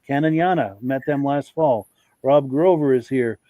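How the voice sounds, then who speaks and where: Man, podcast host, quick shout-out reader, mellow and dry. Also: medium pitch, dry recording. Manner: brisk reading of viewer shout-outs. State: out of breath. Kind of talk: live podcast welcome and chat.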